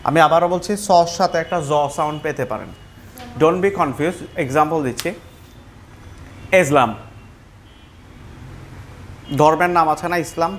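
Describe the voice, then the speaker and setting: A man with a Bangladeshi accent leads a classroom pronunciation lesson in a slightly high voice. He explains patiently, repeats each word slowly, and slips English phrases into his talk. Faint background noise sits under his voice.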